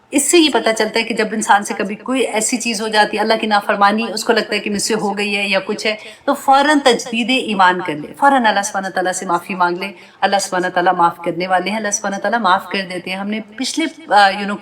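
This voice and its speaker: A woman's voice: medium pitch, fairly bright tone. A woman teaching a scripture commentary class. She reads verses phrase by phrase, translates each piece, and explains them earnestly while asking her listeners direct questions. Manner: addresses listeners directly, often adding tag questions. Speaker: Quran teacher. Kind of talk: Quran commentary lesson to a class.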